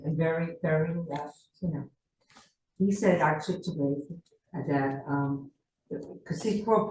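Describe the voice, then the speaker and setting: A woman in a class speaks hesitantly, feeling her way through a point. Her voice is lowish and mellow, with heavy room echo and faint background noise. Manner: hesitant, searching for words. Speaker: class participant.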